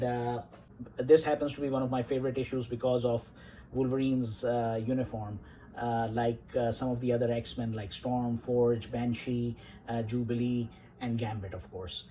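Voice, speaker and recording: A man's voice: medium pitch, dark tone, slight background noise, low-quality recording. A man in his forties from Saudi Arabia, showing his comic collection in an enthusiastic, rambling way with many fillers. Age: 40s. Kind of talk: casual collection showcase.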